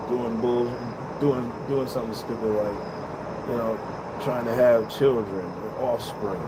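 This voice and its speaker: A man's voice: mid-range voice, very noisy. A man in his fifties giving rambling, earnest life advice in a casual monologue, swearing freely and repeating himself. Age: 50s. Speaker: vlogger. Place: balcony, outdoors.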